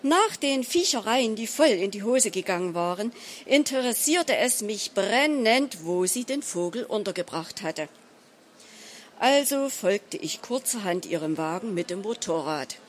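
A woman reading a humorous short story aloud in a measured, dry storytelling manner. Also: mid-range voice, expressive, slight background noise. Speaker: story reader.

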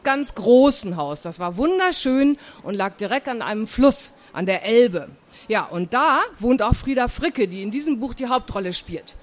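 A woman author talking about her books in a chatty way and reading a story aloud to young listeners. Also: on the high side. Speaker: children's book author.

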